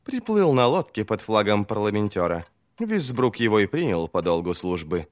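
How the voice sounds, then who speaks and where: A man's voice: lowish voice, sing-song, normal speed, no room sound. A man voicing a cool, dry-spoken woman. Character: cool, sharp-tongued woman adviser.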